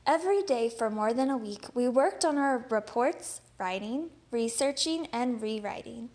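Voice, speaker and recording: Expressive storytelling marks this woman's reading of a children's picture book, done at normal speed in a fairly high voice.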